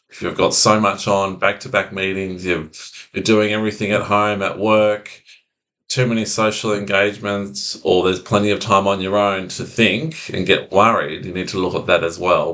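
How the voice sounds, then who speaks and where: Male anxiety coach, very low voice, slow soothing delivery, talks straight to camera. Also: a bit bright. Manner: slow, soothing, repetitive phrasing. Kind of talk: calm instructional monologue.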